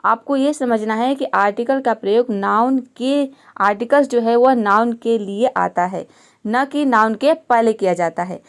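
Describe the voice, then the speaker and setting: A woman's voice: a little high, a little slow, smooth. A woman teaching English grammar step by step, patiently asking questions and answering them herself.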